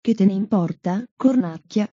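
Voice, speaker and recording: An insolent male demon sneers back from a child's body, read out by a woman. The tone is very dark and husky. It comes on a dull, dry, lo-fi recording. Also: mid-range voice, normal speed, no echo, close to an everyday voice. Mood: defiant. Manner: insolent, mocking retorts.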